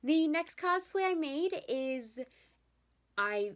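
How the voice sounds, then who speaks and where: A woman's voice: high voice, lively intonation, takes it slowly. Chatty young woman vlogging casually. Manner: chatty, apologetic, yawning at times. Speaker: vlogger showing her handmade cosplays. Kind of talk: casual chat.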